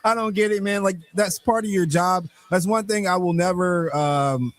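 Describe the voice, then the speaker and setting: A male co-host on a sports talk show, his voice sitting a bit above the usual male pitch. He talks in an easygoing, amused way, like he's hanging out with friends. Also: moderate pace. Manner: laid-back, conversational, amused.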